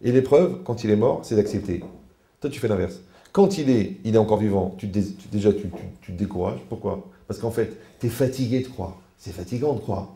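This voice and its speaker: A man, a rabbi, giving a lively conversational Torah lecture, animated and teasing as he acts out little dialogues. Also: fairly low pitch, fairly quick, creaky, echoey room.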